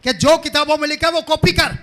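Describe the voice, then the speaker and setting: A male pastor preaching a live sermon, repeating phrases and rising to shouts as the congregation answers. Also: very high voice, steady tone, a little fast. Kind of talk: live sermon with call and response.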